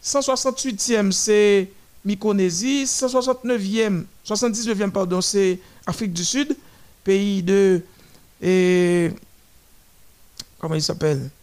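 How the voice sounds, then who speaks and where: A man giving running commentary on a parade of nations, listing them one by one with halting restarts. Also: high-pitched, a little mellow, clear, resonant tone.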